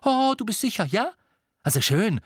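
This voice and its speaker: A man voicing a bitter, hot-headed teenage boy wizard who shouts in a read-aloud story. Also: high voice, sing-song, moderate pace, breathy edge, no room sound, studio quality, pitched above the performer's own voice, full character voice. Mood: sarcastic.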